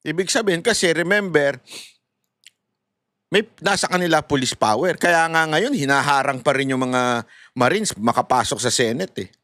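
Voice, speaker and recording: Man, Filipino accent, high bright voice, dry close sound, animated political commentary. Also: normal speed, no echo. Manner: animated, mixes English and Filipino, laughs often, talks to viewers.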